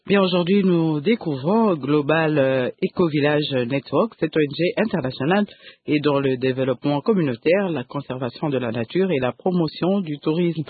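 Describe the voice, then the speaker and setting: A man's voice: fairly high pitch, moderate pace, husky, no echo. A man with a Congolese accent co-presenting a radio interview, tagging his phrases with small checking particles. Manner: punctuates phrases with "hein". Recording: dry, narrow-band radio sound.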